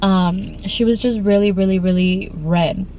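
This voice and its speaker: A congested young vlogger tells a frightening story in an emotional storytime vlog, rambling with lots of fillers and restarts. Her mid-range voice is mellow, with a measured pace and fairly even intonation. There's slight background noise.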